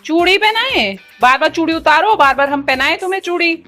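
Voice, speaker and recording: A high-pitched woman talking at home, switching between coaxing her little children and scolding them with playful threats. Between the kids' squabbles she chats casually to the camera, with faint music underneath. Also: expressive, a little fast, bright, forceful tone. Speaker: mother vlogging her day with three young children. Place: at home, indoors.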